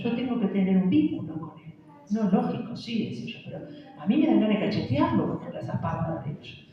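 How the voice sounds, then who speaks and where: A middle-aged woman pastor from Argentina with a Rioplatense Spanish accent, preaching a sermon of personal testimony, swinging between hushed and loud. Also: medium pitch, muffled recording, slight background noise. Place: church hall. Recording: echoey church hall from far off.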